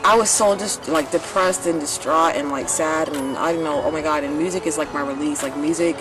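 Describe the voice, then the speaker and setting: A woman's voice: sits low, a little fast. A woman singer talking candidly in an interview, rambling and swearing, with lots of "like". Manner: rambling, profane, full of "like". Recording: music playing under the voice.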